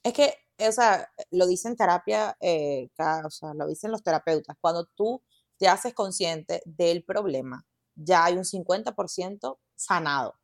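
A woman's voice: fairly low pitch, measured pace, no room sound, clean studio sound. A young adult woman with a Venezuelan accent, a podcast guest chatting casually and animatedly, slipping into quoted inner voices. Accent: Venezuelan Spanish.

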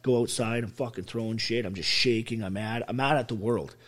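A middle-aged army veteran, a podcast guest, telling a painful personal story bluntly, with constant swearing and raw emotion. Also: male voice, medium pitch, brisk. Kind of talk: candid interview storytelling.

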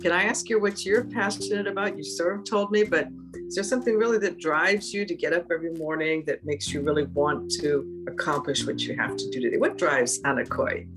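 A woman's voice: fairly low pitch, brisk, music in the background. A woman hosting an interview, asking questions in an encouraging, affirming way. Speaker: interview host.

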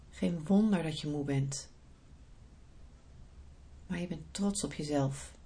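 A woman podcast host guiding a relaxation visualisation in a soft, soothing, unhurried manner. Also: on the low side. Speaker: podcast host, breathing therapist and yoga teacher.

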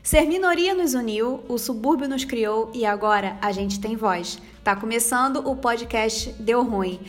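A woman's voice: on the high side, faint music behind. Playful woman podcast host from Rio. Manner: chatty, playful, quick asides. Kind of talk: casual podcast chat and ad read.

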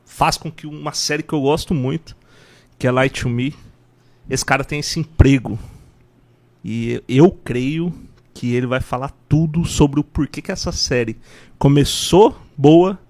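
A man with a Brazilian Portuguese accent hosting a casual podcast interview, speaking in an informal, slangy, enthusiastic way. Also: mid-range voice. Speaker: podcast host.

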